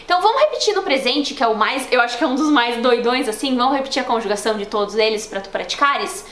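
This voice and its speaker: A young woman with a Brazilian Portuguese accent, teaching a casual online language lesson in a chatty, explanatory way that slows down to model words for practice. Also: fairly high pitch, lively intonation, fairly bright tone. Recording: roomy echo, faint background noise.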